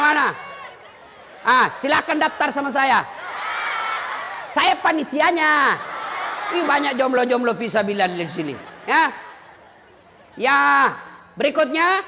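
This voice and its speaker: A man preaching a humorous sermon to a live audience, teasing and often shouting his punchlines. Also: very high-pitched, background noise. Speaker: Islamic preacher. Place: large event hall. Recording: long hall reverb at live event.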